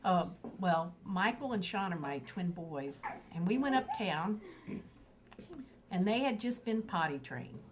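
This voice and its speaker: A woman's voice: lowish voice, unhurried, noisy background. An older woman, a mother of eleven, casually telling family stories with lots of laughter, acting out the children's quoted voices. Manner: lively, laughs often, acts out the kids' quoted voices.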